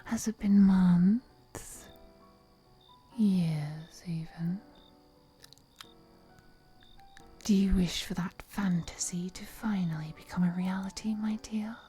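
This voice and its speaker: A woman portrays an ancient vampire seductress, her slow whisper breathy, mellow, and somewhat low in pitch. Possessive and flirtatious, she purrs affectionate names and teases as though in an intimate roleplay audio drama, accompanied by music.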